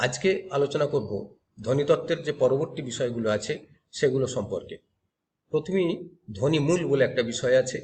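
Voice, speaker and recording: A man's voice: mid-range voice, a little mellow, a little hiss or hum. A male teacher giving a grammar lecture, explaining step by step and asking and answering his own questions. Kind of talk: classroom lecture.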